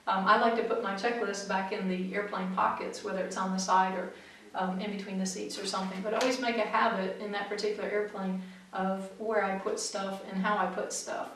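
Seated in a small studio against a backdrop, a middle-aged flight instructor delivers practical advice at a brisk clip in a medium-pitched voice. She is calm, clear and methodical, while the distant camera mic leaves her sounding in a very echoey room.

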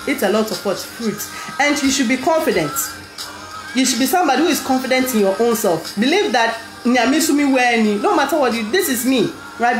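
Woman, Ghanaian accent, fairly high voice, emphatic teacherly advice, rhetorical question tags, very roomy sound. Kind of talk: informal advice talk to camera. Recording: echoey small room, music behind.

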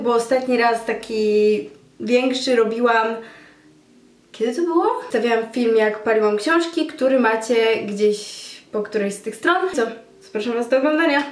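A young woman chats to her camera at arm's length, joking about herself as she talks. Her voice sits a little high. The bedroom around her rings with a roomy echo. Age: young adult. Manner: chatty, self-mocking asides to camera. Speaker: vlogger. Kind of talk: casual vlog chat. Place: bedroom at home, indoors. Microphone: camera held at arm's length. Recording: echoey bedroom.

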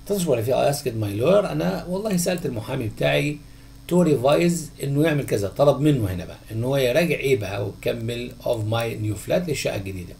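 Gravelly Egyptian man teaching English. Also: medium pitch, animated, darkish tone. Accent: Egyptian Arabic. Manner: questions the class, then answers himself in a drawn-out voice. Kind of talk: textbook answer walkthrough.

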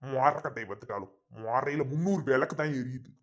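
A man's voice: medium pitch, fast talker, lo-fi sound, close to an everyday voice. A man playing a lazy, drinking village husband who grumbles at his wife. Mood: grumbling.

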